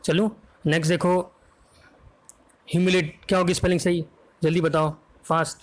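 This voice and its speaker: In an online exam vocabulary lesson, a man quizzes students and spells words out letter by letter in a brisk, coaxing manner. His voice is a little high, with little pitch movement.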